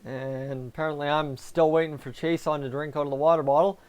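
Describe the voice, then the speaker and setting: A man's voice: on the high side, steady tone, a little fast, darkish tone, clean tone. A man hosting a live hockey fan reaction stream, chatting casually and answering viewers while talking with a sore, raw tongue. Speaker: fan livestream host.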